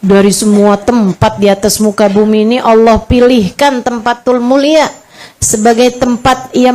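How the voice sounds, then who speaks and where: Chatty woman preacher. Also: darkish tone. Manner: casual, chatty, acts out dialogues with pitch swings. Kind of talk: religious lecture with storytelling.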